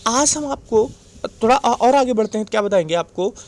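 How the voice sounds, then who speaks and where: A male English teacher with an Indian accent walks through a grammar lesson step by step. He repeats each point patiently and keeps pausing to check that the class is following. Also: very high voice, lively intonation, a little mellow, a little hiss or hum. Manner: patient, repetitive, checks in with "right?".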